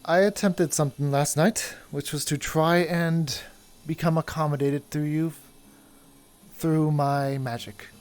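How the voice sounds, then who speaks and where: A man's voice: on the high side, fairly even intonation, unhurried, a little mellow, lightly acted. A man playing a humble wandering traveler who wants freedom, speaking in earnest, formal phrases. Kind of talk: in-character roleplay.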